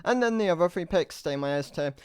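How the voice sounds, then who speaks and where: A man talks through game rankings in a loose, unhurried way, full of fillers and self-corrections. His voice is smooth and resonant, a bit worn, and sits mid-range. The recording is close and dry, with no room sound. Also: fairly high pitch, dry recording. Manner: relaxed, filler-heavy explaining with many restarts. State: losing his voice. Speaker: gaming content creator. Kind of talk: casual game commentary.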